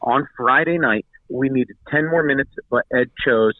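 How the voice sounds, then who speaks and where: A man's voice: medium pitch, moderate pace, dry recording. A man calls in to co-host a podcast, his voice squeezed through a narrow, tinny phone line. He banters and bickers in mock offense. The sound is dry, with no room around it. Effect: speaking over a phone line.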